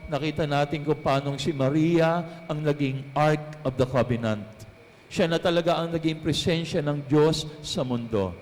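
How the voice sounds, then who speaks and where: A man's voice: mid-range voice, a little mellow. A priest giving a homily at Mass. He tells a story, mixes in English phrases and puts questions to the congregation. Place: church. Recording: long church reverb.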